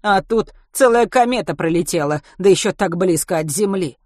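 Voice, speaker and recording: A woman voicing a chatty male ambulance driver who talks loudly in a folksy way, reading an audiobook. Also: lowish voice, expressive, normal speed, no echo, clean studio sound. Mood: complaining.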